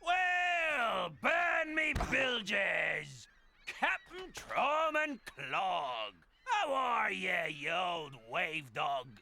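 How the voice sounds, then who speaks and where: An actor playing a cunning, commanding cartoon villain, an imperious warlord who talks like a salty, sardonic pirate. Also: male voice, high voice, big pitch swings, drawn-out words, creaky, bright, forceful tone, shouting, slight background noise, full character voice. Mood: sly greeting. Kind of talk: animated cartoon acting.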